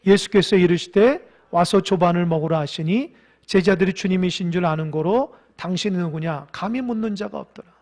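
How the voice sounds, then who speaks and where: A male pastor preaching a sermon with emphatic swings from quiet to loud, leading the congregation in reading aloud. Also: high voice, a little fast.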